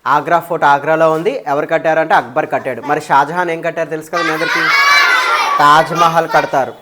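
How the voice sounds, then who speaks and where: A woman's voice: low voice, steady tone, quick pace, a bit bright, some chatter behind, a little hiss or hum. A woman teacher taking a live class of students through an exam paper. She mixes in English terms and keeps checking with them.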